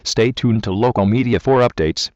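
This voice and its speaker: A man reads a scripted official emergency broadcast announcement in a formal, impersonal style that sounds synthetic. His voice is medium-pitched and darkish at normal speed, captured as dull lo-fi alert audio without room sound.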